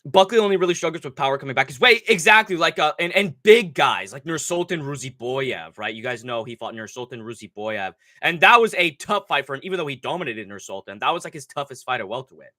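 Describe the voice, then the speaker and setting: A man's voice: mid-range voice, fast talker, hardly any pauses, dry recording, studio quality. A young man hosting a casual livestream, with a stuffy nose from a cold, rambling and swearing as he talks through fight picks. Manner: profane, rambling, excitable. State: nasal from a cold. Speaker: livestream host.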